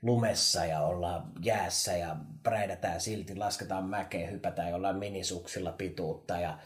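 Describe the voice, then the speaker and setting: Podcast co-host: man, animated storyteller, lower voice, roomy sound. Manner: animated storyteller, laughs often, many fillers. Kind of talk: casual chat.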